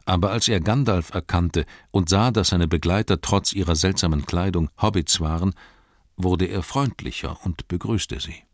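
A man narrating an audiobook in a measured, expressive storytelling manner. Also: deep voice, dry recording, studio quality.

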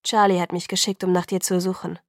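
A woman doing a deep-voiced tall rescuer man. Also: flat delivery, quick pace, no echo, studio quality, close to an everyday voice. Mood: calm.

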